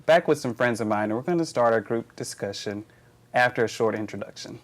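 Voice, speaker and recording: A man hosting a casual group discussion, speaking in a halting way with fillers and restarts. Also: mid-range voice. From Alabama. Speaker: host.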